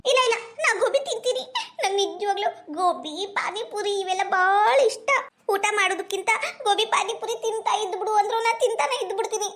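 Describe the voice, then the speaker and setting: A weepy, food-loving young village woman, played by a woman, speaks in a North Karnataka Kannada accent. Her voice is very high, and she talks fast, sweetly pleading. It is a rustic comedy skit. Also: a bit bright. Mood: tearful.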